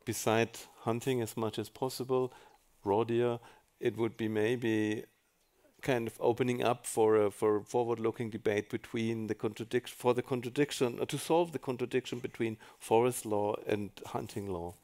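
A man speaking as a panelist on a conference stage, halting and often rephrasing as he searches for words. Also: mid-range voice, fairly even intonation, a little mellow. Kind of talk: panel discussion contribution. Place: conference hall stage, indoors.

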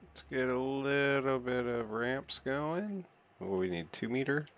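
A man hosting a gaming channel gives casual let's-play commentary, muttering to himself, counting under his breath and thinking aloud as he builds. His medium-pitched voice is unhurried, and the audio has its highs cut off.

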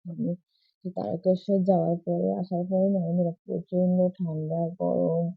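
A woman, hoarse from a cold, chatting in a rambling, repetitive way to her viewers in a casual morning vlog. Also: on the low side, little pitch movement, normal speed, dry recording, faint music behind. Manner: rambling, repetitive, keeps asking viewers if they follow. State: hoarse from a cold and sore throat. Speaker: vlogger. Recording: tinny phone-like audio.

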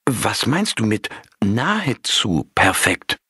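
A man's voice: lowish voice, big pitch swings, slow pace, sharp tone, husky, no room sound, studio quality, exaggerated voice. A man voicing an anxious young male monk, a perfectionist who pleads and stammers. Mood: ängstlich.

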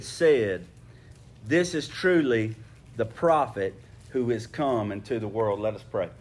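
A man preaching a sermon, earnest and conversational, often repeating words as he restarts, then reading scripture and praying. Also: medium pitch. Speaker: pastor. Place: church sanctuary.

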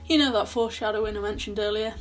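A woman's voice: medium pitch, steady tone, fast talker. A young woman recapping a horror film in a casual, chatty way with sarcastic asides, filmed in a small bedroom at her desk. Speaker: film reviewer.

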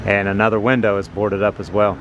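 A man narrating a walking tour outdoors on a city sidewalk, explaining things slowly and plainly as he films with a handheld phone. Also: lowish voice, flat delivery, lo-fi sound, background noise. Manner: slow, plain, informative. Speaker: vlogger touring a building. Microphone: handheld phone camera.

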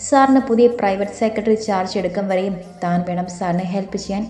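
A brisk male coworker insists and brushes off objections, as a woman reads his lines. The voice is mellow and dark-toned, set in an echoey room. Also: mid-range voice, soft background music, natural voice. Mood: insistent. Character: male office colleague, brisk and pushy.

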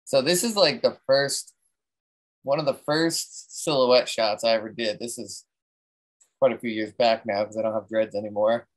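A man of medium pitch talking casually through a photography technique. He rambles a bit and often restarts his sentences with "um" and "so," in an easygoing way. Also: moderate pace, poor audio. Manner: relaxed, rambling, many fillers and restarts. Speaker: presenter at a photography talk.

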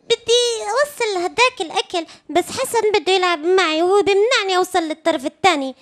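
Very high, pleading little creature. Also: female voice, fast. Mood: hungry, pleading. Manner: childlike, exclamatory, pleading. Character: small hungry, pleading mouse or fish creature. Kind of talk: children's shadow puppet show acting.

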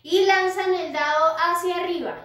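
A woman teaching music to young children, gentle and patient, often checking in with the kids. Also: very high-pitched, fairly even intonation, normal speed. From Colombia. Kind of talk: recorded lesson for young children. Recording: echoey room, far from mic.

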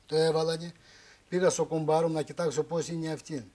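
High-voiced man telling a rambling story. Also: fairly even intonation, warm tone. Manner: rambling, broken Greek with repeated phrases. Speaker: guest on a relationship talk show. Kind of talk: emotional storytelling. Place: television studio.

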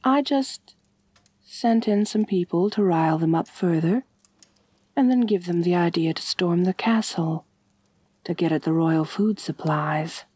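Her poise and matter-of-fact calm carry this intimate ASMR roleplay, where a woman plays a vampire mistress who is ancient and wealthy, genteel, measured, doting yet gently dominant. The voice is soft and breathy, fairly low in pitch, and the recording is dry.

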